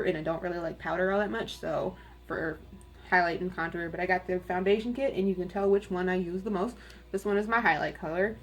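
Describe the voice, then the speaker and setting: Raspy young woman chatting through her makeup. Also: mid-range voice, a bit bright. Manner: chatty, candid and rambling, with casual swearing. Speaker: beauty vlogger. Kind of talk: casual get-ready-with-me makeup chat. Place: home room at her makeup desk.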